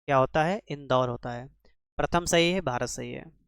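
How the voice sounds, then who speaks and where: Clear-voiced male teacher drilling spelling. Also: medium pitch, normal speed, no room sound, clean studio sound. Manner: quizzing, repeats answers with rhetorical questions. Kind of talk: exam-prep grammar lesson.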